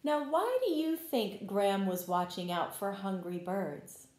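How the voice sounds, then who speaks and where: A woman teacher reads a picture book aloud to young children at a measured pace in a medium-pitched voice. She's expressive and encouraging, often asking the listeners questions, and the room sounds roomy and echoing.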